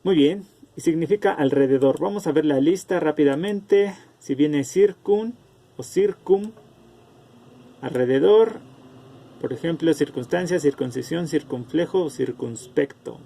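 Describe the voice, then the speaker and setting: Male teacher for an online lesson, gravelly and dark-toned, slow delivery, calls on students by name over a video call. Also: on the high side. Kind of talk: online class lecture.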